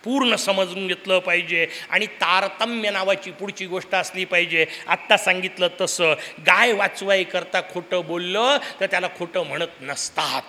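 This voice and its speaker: Delivering a religious Purana discourse, this man speaks in a high-pitched, sharp voice with a steady tone, keeping a moderate pace and few pauses. He narrates stories animatedly and poses rhetorical questions to listeners, with long hall reverb in the recording.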